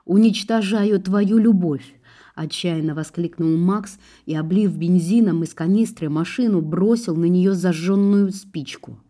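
A woman narrating a first-person story in a measured, steady way. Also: lowish voice. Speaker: audiobook narrator.

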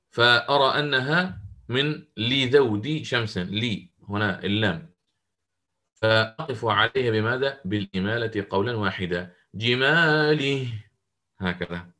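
A man's voice: mid-range voice, normal speed, pushed and bright. Man patiently teaching recitation rules. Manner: explains step by step, quizzing his students. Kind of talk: interactive online lesson.

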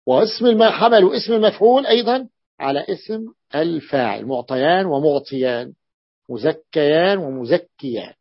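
A male teacher lecturing a class, explaining slowly and repeating each example. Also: fairly high pitch, lively intonation, no echo. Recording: dull lo-fi recording.

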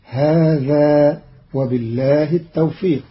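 A man giving a scripted radio explanation of Quran readings in a measured, deliberate and formal way. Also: on the high side. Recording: dull lo-fi radio archive.

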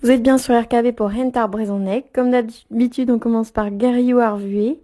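A woman hosting a radio language segment, briskly prompting her guest with questions. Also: on the high side, steady tone, music in the background. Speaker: radio host.

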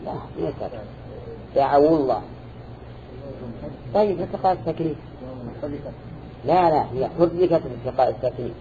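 Dark-voiced man teaching a class. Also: on the high side, lively intonation, a little hiss or hum. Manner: measured, quizzes listeners with repeated "ha?" and "na'am". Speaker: teacher of Quran interpretation. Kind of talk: classroom lecture with questions to students. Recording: dull lo-fi recording.

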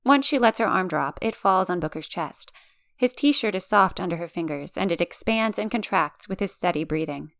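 A woman reading fan fiction aloud as a podfic, narrating in a calm, gentle storytelling manner. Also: on the low side, normal speed, vocal fry, no echo, clean studio sound. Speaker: podfic reader.

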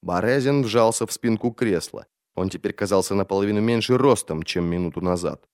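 A man reading a novel aloud as narrator in an even, measured way. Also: lowish voice, no echo, studio quality. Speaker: audiobook narrator. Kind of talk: scripted narration.

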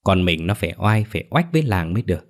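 A man voicing a poor, stubborn old village father who talks gruffly. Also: deep voice, sing-song, fast. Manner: gruff, dismissive.

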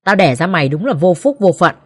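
A woman's voice: fairly low pitch, very animated, fast talker. A woman playing a scolding old mother-in-law. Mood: furious scolding. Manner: harsh, contemptuous, shouting insults.

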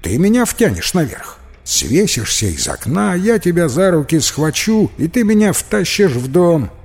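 A man's voice: a little high, sing-song, a little slow, creaky, darkish tone, voice pushed up, heavily acted. A man voicing an eager ten-year-old boy who talks in a pleading, insistent way.

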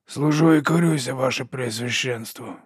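A man's voice: mid-range voice, normal speed, breathy edge, dry recording, clean studio sound. A man voicing a crippled male inquisitor with a wry, sardonic manner.

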